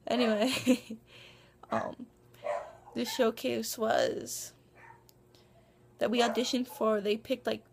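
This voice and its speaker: Gravelly young woman rambling to camera. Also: on the high side, steady tone, takes it slowly, pauses often, noisy background. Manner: rambling, lots of ums and restarts, self-conscious. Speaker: vlogger. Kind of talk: casual vlog monologue. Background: dog barking.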